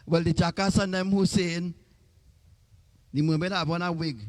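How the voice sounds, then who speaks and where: A man with a notably high voice chats on his livestream. He jokes around, repeating lines for laughs in an easy, casual way. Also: steady tone, unhurried. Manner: joking, repetitive, playful. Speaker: livestream host.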